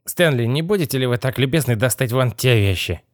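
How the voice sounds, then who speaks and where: A man voicing an older, irritable and puffing male gang leader in an audiobook, gruff and bossy. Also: mid-range voice, lively intonation, brisk, no room sound, studio quality, pitched above the performer's own voice, close to an everyday voice. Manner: gruff, bossy, easily annoyed. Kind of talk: audiobook character voice.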